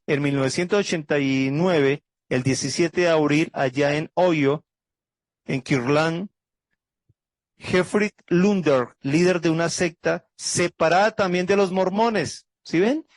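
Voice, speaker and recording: A man's voice: a little high, measured pace, no echo. A man pastor teaching a Bible study lecture, going methodically through dates and facts and closing with an earnest prayer. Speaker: pastor teaching a theology class.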